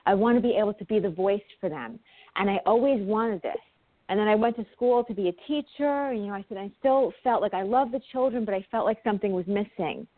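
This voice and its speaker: A woman with a New York accent, a guest on an interview, talking quickly and earnestly with some ums. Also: mid-range voice, dry recording. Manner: quick, heartfelt talk with ums. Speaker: guest, animal communicator. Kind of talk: casual interview chat. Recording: dry, tinny phone-like line.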